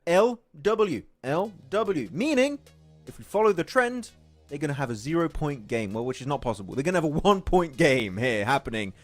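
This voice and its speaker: A man casting an esports match, joking with his partner and getting loud during the action. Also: on the high side, big pitch swings, moderate pace, soft background music. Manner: jokey, laughs often, rises sharply when play heats up. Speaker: esports caster. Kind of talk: esports play-by-play commentary.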